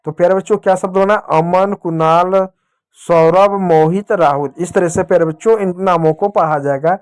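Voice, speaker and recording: A male teacher gives a patient reading lesson to children, sounding out words slowly and repeating them. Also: sits high, fairly even intonation, clear, resonant tone.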